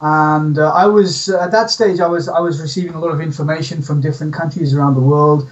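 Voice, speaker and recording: A man from the UK, telling his story as an interview guest in a relaxed way. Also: on the high side, fairly quick, distant mic, highs cut off. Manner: relaxed storytelling, says "yeah?". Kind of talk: casual interview.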